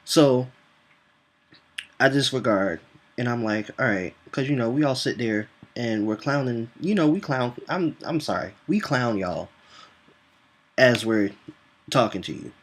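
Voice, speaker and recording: A man's voice: mid-range voice, a little slow, pauses often. A young man telling a casual, profane story from his customer-service job and acting out both sides of the dialogue. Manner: animated, profane, acts out dialogue in voices. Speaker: vlogger telling a work story.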